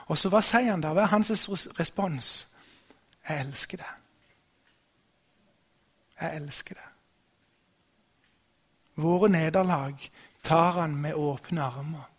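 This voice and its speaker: A middle-aged male pastor with a slightly higher voice gives a sermon. He talks in a loose, storytelling way, often restarting his sentences.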